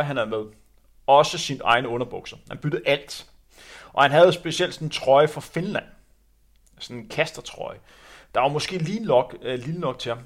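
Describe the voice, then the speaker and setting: A man's voice: on the high side, fairly bright tone. A man who used to run, telling anecdotes in a rambling way with many fillers. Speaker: former runner telling stories. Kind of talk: casual anecdote chat.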